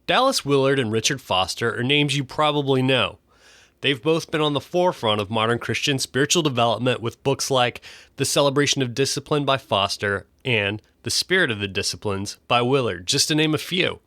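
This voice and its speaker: A man's voice: medium pitch, a little fast, sharp tone, dry recording. A man hosting a podcast, reading an upbeat scripted intro, then interviewing a guest. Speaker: podcast host.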